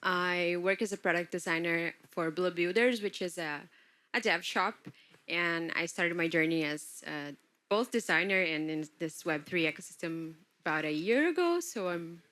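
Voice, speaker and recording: A woman's voice: fairly low pitch, animated, moderate pace, pushed and bright. A woman from Brazil, a product designer, introducing herself in a friendly, chatty way at a workshop. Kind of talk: self-introduction.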